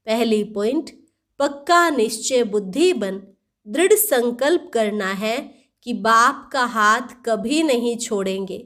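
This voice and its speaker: A woman reading a daily spiritual teaching aloud in a measured devotional recitation, repeating key phrases. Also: fairly high pitch, fairly bright tone.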